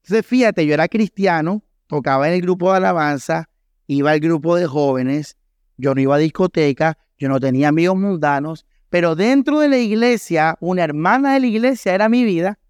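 Pastor guy preaching hard, colombian coast accent, kinda high voice, smooth and dry. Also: lively intonation, a little fast, no room sound. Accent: Colombian Caribbean Spanish. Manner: emphatic preaching with rhetorical questions to the congregation. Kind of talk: sermon. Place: church hall.

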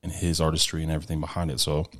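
A man's voice: a bass voice, level tone, racing. A man who works as a DJ, speaking earnestly in a casual interview, often restarting his sentences.

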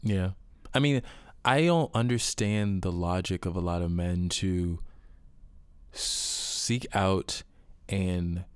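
A man's voice: deep voice, slow, smooth, no room sound. A young adult man hosting a podcast in casual chat, laid-back and joking. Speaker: podcast host.

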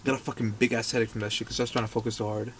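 A man's voice: mid-range voice, level tone, racing, fairly bright tone, a little hiss or hum. A man from Mexico chatting casually, joking and sarcastic, swearing often. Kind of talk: casual profane chat.

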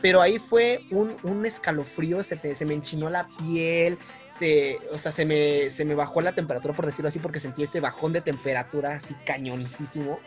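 A young man, telling a story in casual chat, animated, with frequent laughs and restarts. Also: fairly high pitch, a little fast, few pauses, soft background music. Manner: animated, laughs often, many fillers and restarts.

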